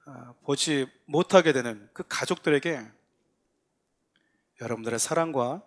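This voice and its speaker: A pastor giving a Sunday sermon, earnest and emphatic, mixing calm explanation with lively quoted voices. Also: male voice, mid-range voice, unhurried. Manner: earnest, rising to emphatic exhortation with acted quotes. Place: church sanctuary.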